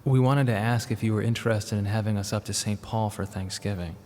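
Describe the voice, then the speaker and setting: Narration and dialogue for a radio drama come from an actor whose voice is lowish, a little mellow and fairly even, lightly acted. He plays the protagonist, a young father who is grieving and restless, earnest yet awkward, speaking in a halting, reflective, wistful manner. The recording sits in a reverberant hall with a faint background hum of noise.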